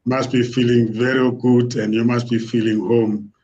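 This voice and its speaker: With a mid-range, fairly flat voice at normal speed, a man hosts a casual live online interview, greeting guests warmly and effusively but hesitantly, with many fillers. The recording sounds muffled.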